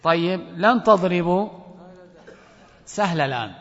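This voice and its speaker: A man with a high voice teaches a grammar class and keeps calling on students by name to answer. The recording is dull and lo-fi, with a long echo from a hall. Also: expressive, normal speed, fairly bright tone. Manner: questions and calls on students by name.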